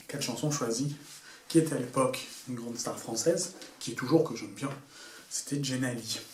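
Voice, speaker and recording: A young man telling a story to camera in a casual, slangy way, full of asides. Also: mid-range voice. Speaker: YouTuber. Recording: echoey room, a bit far from the mic, faint noise.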